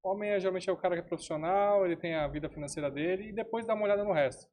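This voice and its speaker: A man hosting a podcast, mostly giving quick, brief replies to his guest. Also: high voice, a little mellow. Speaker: podcast host. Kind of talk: podcast conversation.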